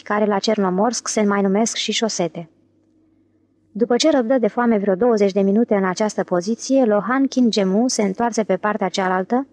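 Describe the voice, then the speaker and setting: A woman's voice: mid-range voice, darkish tone, no echo. Woman narrating an audiobook, dry sound. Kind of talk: scripted literary narration.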